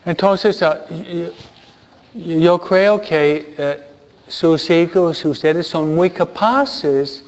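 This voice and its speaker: Halting priest on a dull recording. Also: male voice, on the high side, darkish tone. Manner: halting, restarts words, frequent questioning tags. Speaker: priest and teacher. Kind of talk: informal talk to a congregation.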